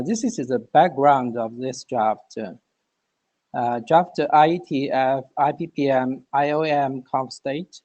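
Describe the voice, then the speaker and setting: A man's voice: medium pitch, darkish tone, muffled recording. A man giving a technical presentation over a remote call, his microphone clipping and distorting so the audio breaks off. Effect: clipping, distorted mic audio that breaks off. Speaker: presenter at a working group meeting.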